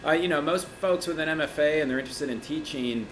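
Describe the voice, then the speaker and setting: In his indoor art studio, a middle-aged Mexican printmaker and art teacher chats as an interview guest, his voice a little high and fast. He's relaxed and rambling, leaning on "you know" and "like" and gesturing with his hands, over poor audio with slight background noise.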